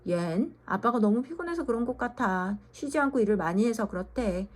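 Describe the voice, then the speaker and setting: Storybook: woman doing a weary, soft-spoken, indulgent mom, slightly raised voice. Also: fairly high pitch, animated, a little fast. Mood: gentle. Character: tired, gentle mother of a schoolgirl.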